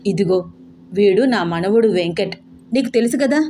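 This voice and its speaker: A woman's voice: mid-range voice, lively intonation, moderate pace, a little hiss or hum, lightly acted. Woman voicing a bossy scolding old grandmother. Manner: sharp, commanding, scolding.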